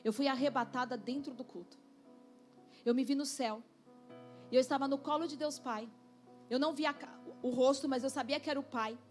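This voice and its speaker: A woman pastor preaching a sermon, slow and emphatic, with sudden drops to a quiet voice. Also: sits high, steady tone, soft background music.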